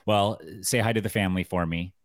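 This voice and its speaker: A man with a very deep voice co-hosts a casual chat. He talks loosely, joking and filling with "like". The recording is dry and close-miked. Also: fairly even intonation, brisk, dry recording. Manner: loose, joking, heavy use of "like". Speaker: podcast co-host.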